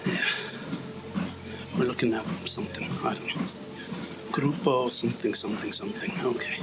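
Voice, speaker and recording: This podcast host from Ireland speaks in an even, medium-pitched voice at a normal speed, drifting through a loose solo monologue on a treadmill at home. He sniffs now and then and pokes fun at himself. The recording is low quality, with background music under his speech.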